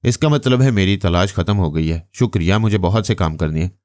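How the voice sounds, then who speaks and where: A man's voice: low voice, brisk, darkish tone, dry recording, studio quality, natural voice. A man voicing a hot-tempered young telepathic woman who talks in an indignant, snapping way, as he reads a novel aloud.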